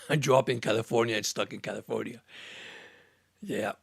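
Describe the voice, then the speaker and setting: Husky and mid-range with vocal fry, the voice of this Cuban-born, Miami-raised man in his sixties moves at a moderate pace. Hosting a casual sports live stream, he fields viewer comments in an earnest, rambling way, often repeating words and restarting. A studio microphone gives studio-quality audio with no echo.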